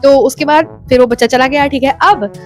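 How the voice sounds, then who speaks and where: With a high voice at normal speed, this woman chats to her phone front camera while soft music plays. She tells a personal story, slips English into her speech and keeps checking in with her audience.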